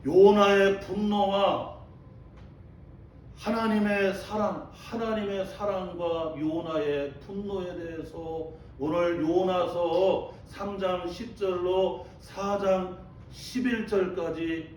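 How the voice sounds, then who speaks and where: A man's voice: sits high, fairly even intonation, takes it slowly, darkish tone, a little hiss or hum. A male pastor preaching a sermon. He keeps calling out to the congregation and repeats his phrases for emphasis. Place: church sanctuary. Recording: echoey church from a distant mic.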